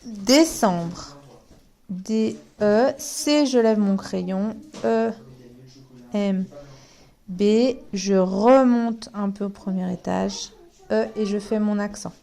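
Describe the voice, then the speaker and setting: A woman's voice: medium pitch, creaky, dark tone. A woman teacher giving a remote handwriting lesson, spelling out letters one at a time as she writes. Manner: slow, spells letters out one by one while writing.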